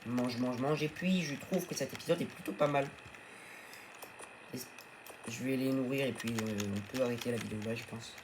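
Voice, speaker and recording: A man of middling pitch talks his way through a survival game, coaxing and cheering on his tamed animals in a loose, chatty let's-play manner. A steady hiss of noise and game ambience sits under his voice. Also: brisk, pauses often. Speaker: gaming video host. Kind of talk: casual let's-play commentary.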